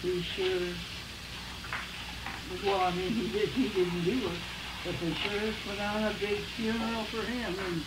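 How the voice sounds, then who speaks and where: Elderly great-grandmother, halting and wandering speech, old VHS home-video sound, distant camcorder mic, echoey, heavy tape hiss. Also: medium pitch, fairly even intonation. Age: 80s or older. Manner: halting and wandering, losing her thread. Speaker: great-grandmother being interviewed. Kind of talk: casual family chat. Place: home kitchen with cooking going on. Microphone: camcorder mic across the room.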